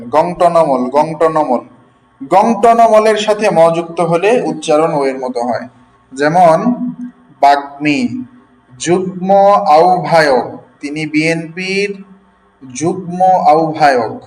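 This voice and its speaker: A man with a slightly raised voice teaches pronunciation at a very slow, deliberate pace. He breaks words into syllables and keeps asking whether the class follows. Faint music plays in the background. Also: on the high side, rough recording. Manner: slow, drills words syllable by syllable, checks understanding. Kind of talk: classroom lesson.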